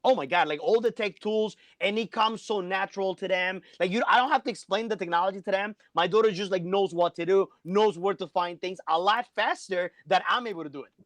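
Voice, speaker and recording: Man, middle-aged, high-pitched, chatty, lots of "like", dry close sound. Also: brisk, few pauses, fairly bright tone, no echo. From Colombia. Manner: chatty, peppers speech with "like". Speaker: guest, math teacher. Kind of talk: casual interview chat. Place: home basement.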